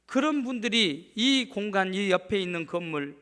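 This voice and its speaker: A man's voice: sits high, expressive, normal speed, pushed and bright, smooth. A middle-aged male pastor preaching a sermon emphatically, often asking the congregation to answer back. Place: church sanctuary.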